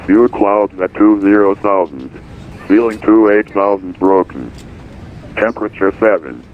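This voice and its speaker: Low male airport weather broadcast voice. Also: measured pace, a little hiss or hum. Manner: formal, even recitation of codes and numbers. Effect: airport weather broadcast over radio. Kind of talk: recorded automated information broadcast. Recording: tinny radio-band audio.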